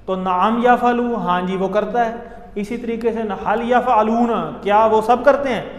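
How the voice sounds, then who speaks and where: Male teacher, high voice, patient step-by-step explainer leading chanted drills, echoey hall. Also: fairly even intonation, a little slow. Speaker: Arabic grammar teacher. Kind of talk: classroom lesson with recitation drills.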